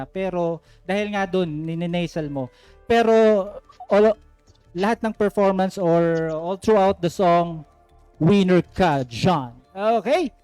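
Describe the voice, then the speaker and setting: High-voiced, unhurried male contest host. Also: a little mellow, clear, resonant tone. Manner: friendly coaching feedback, often checking "okay?"; mixes English phrases into his talk. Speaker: host and judge of an online singing contest. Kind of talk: live-streamed contest hosting with phone calls.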